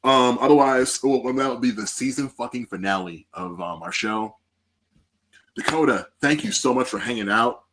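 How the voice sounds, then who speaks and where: Profane, animated podcast host man. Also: medium pitch, moderate pace, noisy background. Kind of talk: casual podcast chat. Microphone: podcast mic.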